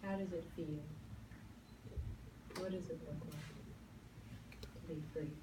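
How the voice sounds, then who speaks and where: A gentle, lowish female voice guides a meditation for a group. She speaks soothingly in short phrases with long pauses between them. The recording is distant and echoey, with clear background noise. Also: steady tone. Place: room with a seated live group. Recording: roomy, distant mic, clearly noisy.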